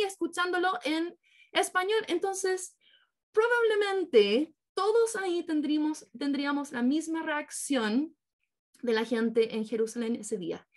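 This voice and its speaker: A woman with a bright, high voice delivers a sermon to a congregation. She tells the story as an imagined scene and keeps asking her listeners for agreement as she goes. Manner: engaging, keeps checking in with listeners. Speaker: preacher.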